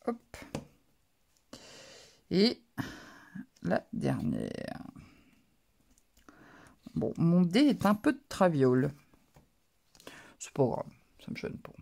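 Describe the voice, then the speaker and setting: A woman's voice: fairly low pitch, wildly swooping pitch, very slow, vocal fry, long pauses, darkish tone. A woman narrating a card-making tutorial, describing each step as she works, with many little fillers and hesitations. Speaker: craft channel host.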